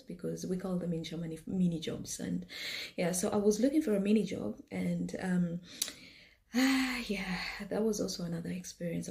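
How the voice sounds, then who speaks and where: A woman's voice: on the low side, gravelly, mellow. A woman from Kenya, likely in her thirties, casually telling her own life story to camera, chatty and full of fillers and repeated words.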